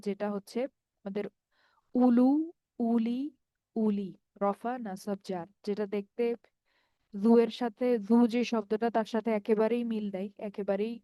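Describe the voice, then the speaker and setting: A woman's voice: a little high, warm tone, no room sound. A woman from Bangladesh teaching an online Arabic grammar lesson, explaining patiently step by step and checking that students follow. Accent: Bangladeshi Bengali.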